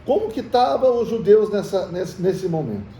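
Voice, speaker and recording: A man with a high, warm voice, lively intonation, and a moderate pace leads a Bible study in a Brazilian Portuguese accent. He keeps it conversational, quizzing the group and calling them brothers. The recording has a faint hiss and comes from a distance in an echoey room.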